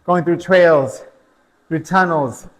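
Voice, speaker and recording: A man's voice: on the high side, slow, big-room sound, low-quality recording. A man coaching an indoor cycling class, telling a personal race story between motivational interval cues and countdowns.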